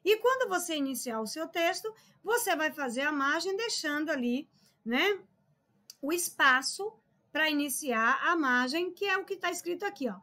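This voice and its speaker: High-pitched woman teacher in her 40s, emphatic online lesson, chatty scolding tone. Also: expressive, moderate pace, pushed and bright. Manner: chatty, scolding, emphatic, calls viewers "povo lindo".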